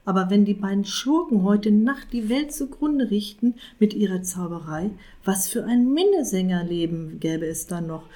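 A woman's voice: mid-range voice, animated, moderate pace, few pauses, mellow, natural voice. Woman doing an eager young tomcat minstrel. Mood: thoughtful. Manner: eager and hopeful. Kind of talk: storybook reading.

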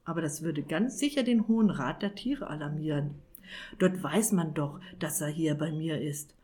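Woman playing a shrill desperate old sorcerer. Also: moderate pace, dark tone, lightly acted. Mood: pleading. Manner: shrill, pleading, rising to cries. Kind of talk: audiobook character voice.

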